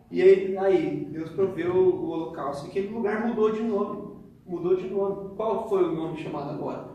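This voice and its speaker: A man with a Brazilian Portuguese accent preaching a lively sermon, retelling the story with acted-out dialogue and laughing as he talks. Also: high voice. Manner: animated storytelling, laughs while telling. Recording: echoey hall, voice from far off.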